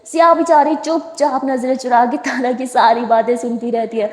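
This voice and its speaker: A woman's voice: high voice, fairly even intonation, a little mellow. A woman narrating a love story in a chatty way, with asides to the listener. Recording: echoey room with long reverb.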